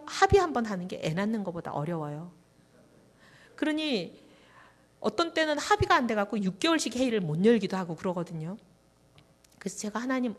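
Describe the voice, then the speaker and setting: A middle-aged woman speaking as a guest at a church revival meeting, telling a testimony and acting out prayers and conversations. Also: fairly high pitch. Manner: animated storytelling, acting out prayers and dialogue. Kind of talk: testimony sermon.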